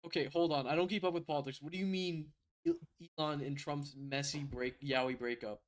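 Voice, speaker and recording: A man's voice: a little high, steady tone, a little fast. A man talking casually with friends during an online tabletop game, blunt and teasing.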